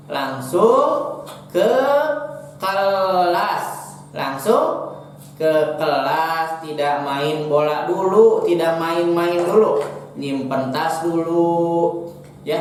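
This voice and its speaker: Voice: mid-range voice, a little hiss or hum. A teacher with a Sundanese accent giving a patient lesson to primary school children, repeating key words and asking them questions. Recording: echoey room recording.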